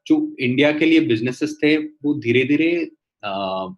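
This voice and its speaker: A man's voice: fairly high pitch, lively intonation, measured pace, dull audio. A man talking casually as a guest entrepreneur on a video call, with many fillers and restarts.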